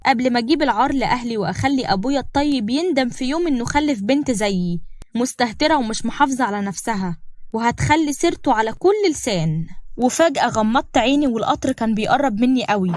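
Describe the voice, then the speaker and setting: Young egyptian woman telling a dramatic cartoon story, fast talker, dead dry mic. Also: on the high side, expressive, a little mellow, dry recording. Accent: Egyptian Arabic. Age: young adult. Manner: dramatic first-person storytelling. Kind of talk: scripted storybook narration.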